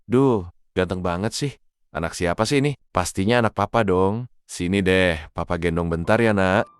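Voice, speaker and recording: A man voicing a sweet, affectionate young husband and new father in an animated drama. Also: low voice, normal speed, clear, resonant tone, no room sound, lightly acted.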